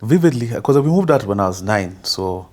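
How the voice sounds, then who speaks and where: A Kenyan man in his thirties, a guest calmly telling his life story in a casual interview. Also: on the low side, brisk. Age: 30s.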